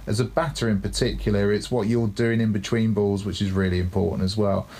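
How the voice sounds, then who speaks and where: A man's voice: lowish voice, level tone, a little fast, darkish tone, slight background noise. A man who coaches cricket, explaining his ideas thoughtfully in casual podcast chat, often adding tag questions.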